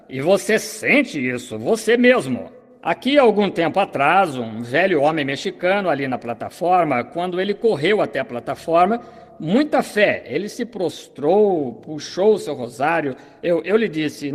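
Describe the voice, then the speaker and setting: A man preaches with fervent conviction, his voice sitting high and swinging widely in pitch. The sermon carries the even cadence of a dubbed translation, and a long hall reverb trails behind every phrase.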